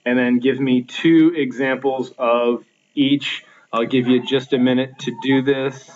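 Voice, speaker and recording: A man's voice: medium pitch, fairly even intonation, unhurried. Man teaching a recorded lesson, lo-fi. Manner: explaining patiently with fillers and restarts.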